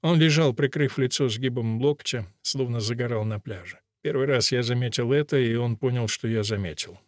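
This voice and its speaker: A man narrates a literary audiobook at a measured, even pace. The recording is close and dry, with no room echo. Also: mid-range voice.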